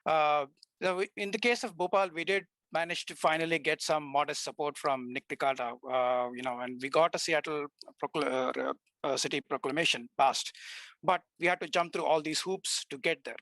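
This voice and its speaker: A man's voice: a little high, steady tone, normal speed, a bit bright, dry recording, low-quality recording. A man activist answering a question on a livestream in a rambling way, with many uhs and you-knows. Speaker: activist guest.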